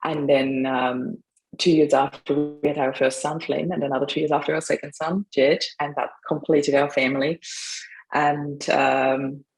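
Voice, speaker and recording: A woman's voice: low voice, level tone, moderate pace, gravelly, low-quality recording. A middle-aged woman from Austria, a guest telling her life story in a casual interview, chatty and laughing often, with frequent fillers. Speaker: podcast guest; mindset coach.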